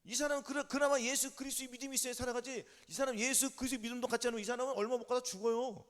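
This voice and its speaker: A man preaching an emphatic sermon as pastor, drilling his listeners with quick yes-or-no questions and calls of amen. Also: very high-pitched, fairly even intonation, fairly bright tone, in a large hall.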